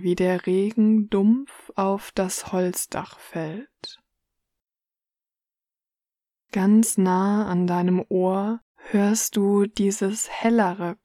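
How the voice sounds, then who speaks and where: A woman reading a guided relaxation story in the second person, soft and hushed. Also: medium pitch, no room sound, studio quality.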